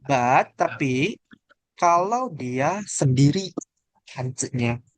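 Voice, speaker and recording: A man's voice: mid-range voice, expressive, extremely slow, dry recording. A man teaching a class the tones of Mandarin pinyin, explaining patiently and asking the students questions.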